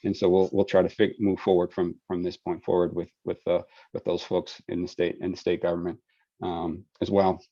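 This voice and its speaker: A man with a very deep voice moderates a webinar over a dry, dull video call. He talks in a relaxed, folksy way, full of fillers. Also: moderate pace, no room sound. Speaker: webinar moderator and project lead.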